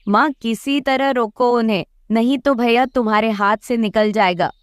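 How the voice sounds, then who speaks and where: A woman's voice: a little high, normal speed, clear, resonant tone, dry recording, studio quality, lightly acted. Woman voicing a jealous young sister-in-law bird. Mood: complaining. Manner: complaining, whiny.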